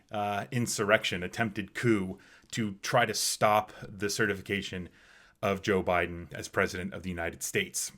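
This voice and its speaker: A man's voice: lowish voice, a bit bright. A man giving opinion commentary as a political pundit, scornful and emphatic.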